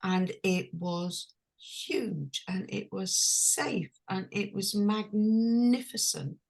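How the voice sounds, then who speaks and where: A woman from London, a transformational coach telling a personal story in a slow, hushed, intimate way. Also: medium pitch, creaky, slightly rough. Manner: slow, hushed and intimate, dwelling on each phrase.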